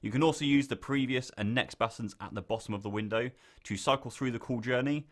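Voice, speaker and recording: As narrator, a man reads a scripted software tutorial, laying out clear step-by-step instructions. He speaks at medium pitch and a little fast.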